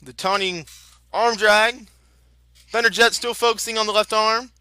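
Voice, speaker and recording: A man's voice: high voice, steady tone, brisk, bright, forceful tone, smooth, no echo. A man working as a lucha libre announcer, calling wrestling moves and slipping in promotional plugs in a chatty, informal, exclamatory way.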